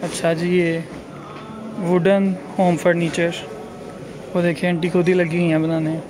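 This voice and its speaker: A travel vlogger strolls through an outdoor market offering casual, chatty commentary and musing aloud as he walks. His male voice is high-pitched and unhurried, with little pitch movement, and a busy crowd can be heard behind him.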